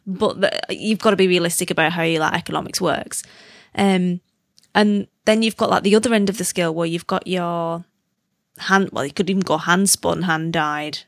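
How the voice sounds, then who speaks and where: A woman's voice: fairly low pitch, fairly even intonation, normal speed, no room sound, clean studio sound. A woman in casual podcast chat, rambling informally and correcting herself as she goes. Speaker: podcast participant.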